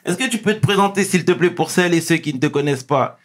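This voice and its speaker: A man's voice: a little high, expressive, fast talker. A man hosting an interview, asking questions in a friendly, informal way. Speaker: interview host. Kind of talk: casual interview.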